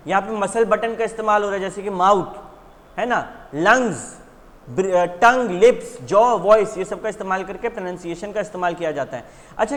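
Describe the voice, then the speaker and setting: Male teacher, high voice, long reverb, revision lecture, quizzing students then answering himself. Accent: Indian English words. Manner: conversational, drills students with questions and answers.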